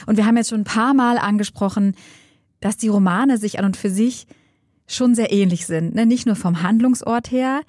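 A woman talks about novels with her co-host in relaxed conversation, musing and circling her thoughts with frequent tag questions. Her voice sits at a middle pitch and the sound is dry and close, with no room around it. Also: normal speed, no room sound. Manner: musing, thinks aloud with many tag questions. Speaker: book podcast co-host. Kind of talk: casual book discussion.

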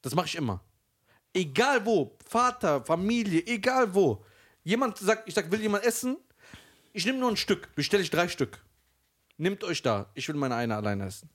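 A man's voice: fairly high pitch, big pitch swings, moderate pace, a bit bright, slightly rough. A man co-hosting a podcast in casual chat, teasing and insistently questioning his partner. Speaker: podcast co-host.

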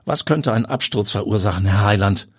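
A man's voice: fairly low pitch, a little fast, husky, voice pushed up. A man voicing a weary chief police inspector who questions in a dry, official, sardonic way. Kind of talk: audiobook character voice.

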